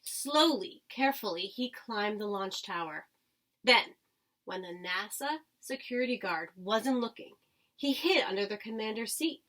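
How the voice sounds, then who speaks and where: A woman with a mid-range, slightly bright voice and lively intonation reads a children's storybook a little slowly. She sounds like a teacher, reading with expression and dramatic emphasis while throwing in brief remarks to her listeners.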